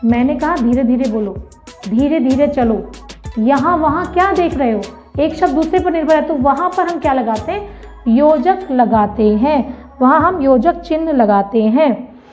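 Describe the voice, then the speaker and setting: A woman with a high voice gives a grammar lesson for children. She explains slowly and patiently, repeats key words and asks the class questions. Soft music plays faintly under her voice. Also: animated. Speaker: teacher.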